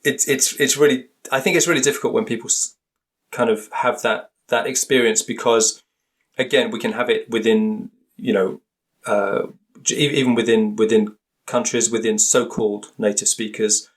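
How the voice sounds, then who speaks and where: A mid-range, steady-toned man talks at a moderate pace as a linguist being interviewed. Hesitant and thoughtful, he keeps restarting his sentences, hunting for words and leaning on many fillers.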